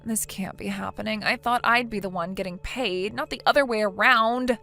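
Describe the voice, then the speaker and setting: A woman's voice: medium pitch, normal speed, creaky, bright, forceful tone, soft background music. A synthetic female voice playing a defensive, self-pitying wife who talks in a hesitant, whiny way.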